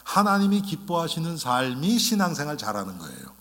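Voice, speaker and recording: A male pastor delivers a lively sermon, tossing rhetorical questions at his congregation and acting out little quotes. His voice is bright and forceful and sits a bit high. The sound has a long hall reverb, like a church sanctuary. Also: a little fast.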